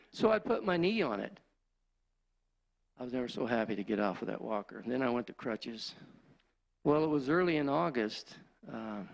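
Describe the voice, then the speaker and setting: A man's voice: medium pitch, vocal fry. An older man, a church deacon, telling his personal testimony in plainspoken, emotional country storytelling.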